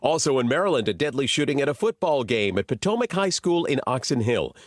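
A man's voice: medium pitch, sing-song, fairly quick, no room sound, studio quality. An American man reading a scripted radio news bulletin in a clipped, formal delivery.

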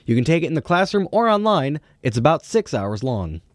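A man's voice: fairly high pitch, sing-song, fairly quick, no room sound, clean studio sound. A man anchoring a radio newscast, reading from a script.

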